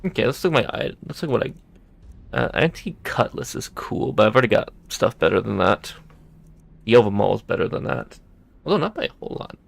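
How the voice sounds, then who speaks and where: A man's voice: lowish voice, lively intonation, fairly quick, gravelly. A man giving casual gameplay commentary, muttering and thinking aloud as he loots. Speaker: gameplay streamer.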